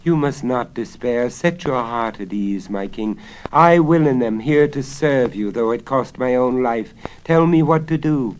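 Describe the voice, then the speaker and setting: A man's voice: mid-range voice, measured pace, lightly acted. A man voicing a cunning, greedy old wizard in a theatrical, coaxing storybook manner on a crackly vinyl record. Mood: coaxing, grandiose. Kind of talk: dramatic storybook reading. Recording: crackly 1970s vinyl spoken-word record.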